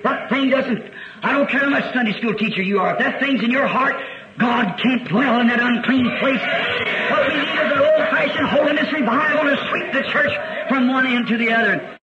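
A man's voice: very high-pitched, moderate pace. An American man preaching a sermon, telling a story earnestly and rising to fervent exclamations. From United States. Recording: dull archive recording with faint hiss.

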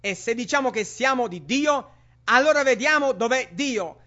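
A man's voice: extremely high pitch, expressive, moderate pace, pushed and bright. A man preaching a sermon with emphatic rhetorical questions to the congregation. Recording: dull lo-fi sermon recording.

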